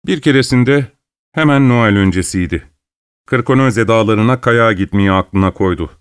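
A man reading a story aloud in a calm, measured way with dry humor. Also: mid-range voice, smooth, no room sound. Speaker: narrator. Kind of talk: scripted story narration.

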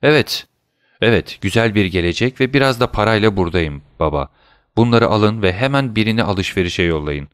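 A man's voice: lowish voice, expressive, fairly quick, clear, resonant tone, no room sound, studio quality, lightly acted. A man reading aloud as a young sailor, earnest and emotional with his old father. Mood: eager. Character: young male sailor, eager and devoted son.

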